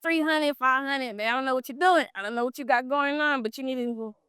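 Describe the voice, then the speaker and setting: Bright, high-voiced woman telling blunt stories. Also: fast talker, clean tone, no room sound, clean studio sound. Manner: blunt, profane, animated storytelling. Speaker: exotic dancer guest. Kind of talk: casual storytelling interview.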